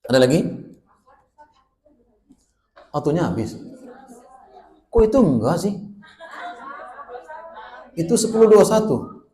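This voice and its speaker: A middle-aged man preaching in a small prayer room, chatting with his audience, asking them questions and swinging between loud bursts and soft asides. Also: a little high, big pitch swings, slow pace, long pauses, roomy sound. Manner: conversational, asks the audience questions. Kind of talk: religious study talk.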